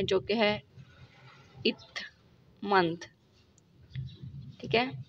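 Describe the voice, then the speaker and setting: A woman with a Pakistani Urdu accent teaching shorthand in a recorded lesson, going slowly step by step and checking in with the class after each point. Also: medium pitch, creaky, a bit bright. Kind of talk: recorded lesson explaining examples. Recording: dull lo-fi recording with faint noise.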